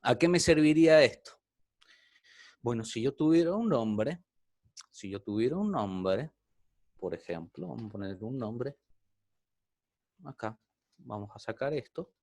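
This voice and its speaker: A man's voice: mid-range voice, expressive, measured pace, pauses often, a little mellow, no echo, studio quality. A man teaching an online programming class, explaining step by step and often checking in with the students.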